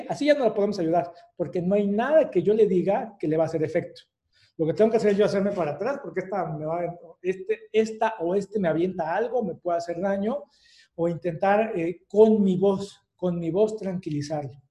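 This online lecturer is a man with a Mexican accent whose voice sits high and has a dark tone. His explanations go step by step, and he leans heavily on fillers and small tag questions.

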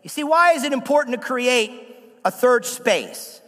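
High-voiced, animated preaching pastor. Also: male voice, normal speed, in a large hall. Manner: animated preaching, jokes and asides to the congregation. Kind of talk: sermon.

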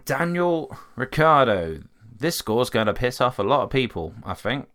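A man's voice: medium pitch, very animated, moderate pace, fairly bright tone. A man giving casual, opinionated commentary on racing drivers, talking conversationally with frequent restarts. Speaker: motorsport commentator.

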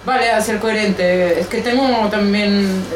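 A woman's voice: medium pitch, steady tone, a little slow. A young woman, sharing in a group circle, hesitant and searching, with many restarts. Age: young adult. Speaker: group participant. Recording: echoey room from far off, background noise.

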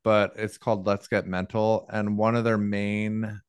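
A man's voice: on the low side, flat delivery, a little slow, clear, resonant tone, no echo. A young man co-hosting a podcast, chatting casually about movies in a rambling way, full of fillers. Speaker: podcast co-host.

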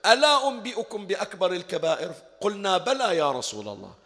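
A man preaches a sermon, his voice pitched high and rising and falling with wide animation. He moves from loud emphatic declaiming to quiet asides. A long reverb from a large hall trails his words. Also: very animated, fast. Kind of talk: religious sermon.

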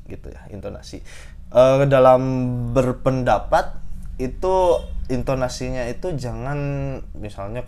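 A young man talks through his opinions in a loose, unscripted monologue. His voice sits at an ordinary middle pitch, and he often pauses on filler sounds, restarts words and repeats phrases for emphasis. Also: a little mellow. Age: young adult. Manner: hesitant, many fillers and self-corrections. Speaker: podcaster sharing opinions. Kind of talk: casual monologue.

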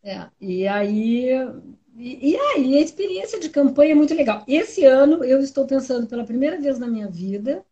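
A woman's voice: sits high, sing-song, moderate pace, mellow, muffled recording. A woman, chatting reflectively and often ending with tag questions. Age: 60s. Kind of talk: casual conversation.

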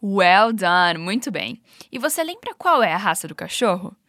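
A woman's voice: mid-range voice, big pitch swings, normal speed, a bit bright, no room sound, clean studio sound. Upbeat Brazilian woman teaching English. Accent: Brazilian Portuguese. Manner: upbeat, encouraging, clear. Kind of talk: language lesson with repetition drills.

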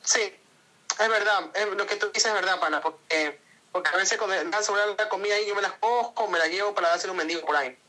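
A man's voice: high voice, fast, pushed and bright, poor audio. A man with an Ecuadorian accent, a guest in a casual interview, talking in an earnest, rambling way with frequent restarts.

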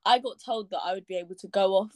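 A woman's voice: mid-range voice, quick pace, darkish tone. A young woman is a guest on a podcast in casual chat. She talks in an easygoing way with many "like" fillers. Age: young adult.

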